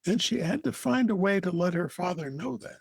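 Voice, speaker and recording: A man with an American accent, telling a folktale as a storyteller, deliberate, with dramatic pauses. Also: high voice, animated, creaky, slightly rough, no room sound, clean studio sound. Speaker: storyteller, co-host.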